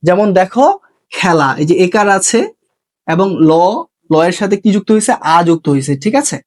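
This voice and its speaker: A man teaching an exam-prep lesson, repeating each rule slowly and checking in with his students. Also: high voice.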